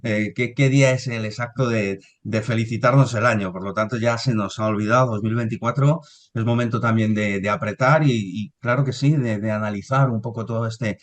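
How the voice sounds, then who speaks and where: A man's voice: lowish voice, steady tone, a little fast. A man, hosting a business podcast, hesitant and often restarting his sentences. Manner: hesitant, with many fillers and restarts. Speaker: podcast host.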